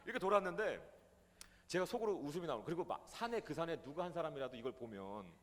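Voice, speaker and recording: Male pastor, high and quick, animated sermon testimony, long hall reverb. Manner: animated storytelling, swings from loud to hushed. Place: prayer retreat hall.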